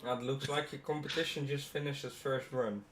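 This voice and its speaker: A man's voice: medium pitch, steady tone, moderate pace, fairly bright tone, slight background noise. Laid-back co-commentator man. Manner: laughs along, short replies. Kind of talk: casual live commentary.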